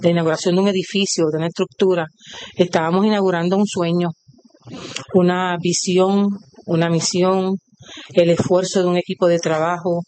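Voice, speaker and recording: A woman's voice: fairly low pitch, a little mellow, slight background noise. A woman with a Puerto Rican accent, a cooperative leader being interviewed, proudly listing things in rhythmic runs. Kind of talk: on-site interview.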